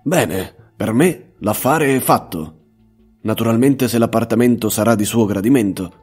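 A man voicing a blunt, self-assured young male detective in a measured, matter-of-fact tone. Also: mid-range voice, darkish tone, breathy edge, soft background music, close to an everyday voice. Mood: brisk.

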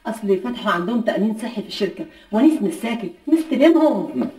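A woman with an Egyptian accent playing an affectionate, fretting wife in a quick, lively way. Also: mid-range voice, reverberant, natural voice, low-quality recording. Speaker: wife in a family sitcom.

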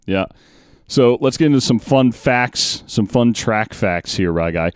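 A man co-hosting a casual sports podcast, chatting and reading out race stats quickly. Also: medium pitch, animated, smooth, dry recording, studio quality. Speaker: podcast co-host.

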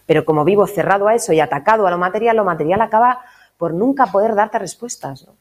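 A woman from giving a relaxed spiritual talk to a course group, lively and conversational, often checking in with her listeners. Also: medium pitch, fast. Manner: lively, conversational, tags phrases with "¿no?". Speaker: catechism course teacher.

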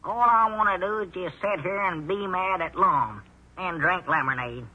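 A high-voiced, riled country storekeeper. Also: male voice, moderate pace, breathy edge. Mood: riled folksy. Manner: high twangy drawl, malapropisms, easily riled. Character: excitable simple-minded country storekeeper and deputy. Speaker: deputy town marshal. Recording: dull lo-fi old radio recording.

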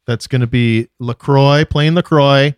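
A man's voice: mid-range voice, fairly even intonation, a little slow, dry recording, studio quality. A man co-hosting a podcast, explaining things matter-of-factly with sarcastic asides. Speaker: podcast co-host. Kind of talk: casual chat.

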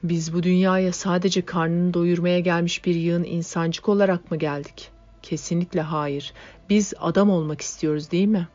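Brief: a woman doing a gentle, earnest young man, low voice, muffled audiobook sound. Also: fairly even intonation, moderate pace, close to an everyday voice. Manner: soft-spoken, earnest. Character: calm young male worker-idealist.

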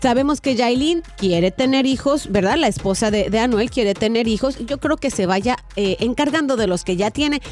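A woman presenting celebrity gossip on a radio show in a playful, expressive, chatty way. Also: fairly high pitch, normal speed, few pauses, faint music behind.

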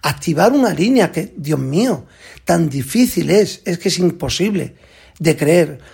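Gravelly, husky man rambling excitedly. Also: a little high, unhurried. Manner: rambling, repeats "digo" and "dice"; excited and exclaiming. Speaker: customer telling a story. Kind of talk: casual spoken rant.

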